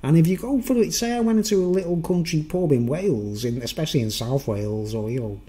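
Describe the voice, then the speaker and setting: Speaking quickly in a mellow voice on the high side, this man is a Wirral vlogger with a Merseyside accent, from north-west England. His unscripted talk to viewers is casual and digressive, and he frequently adds tag questions seeking agreement.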